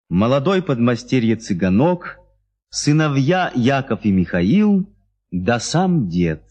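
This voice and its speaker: A man's voice: medium pitch, darkish tone. A man narrating a literary memoir, reflectively recalling his childhood. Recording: music behind voice.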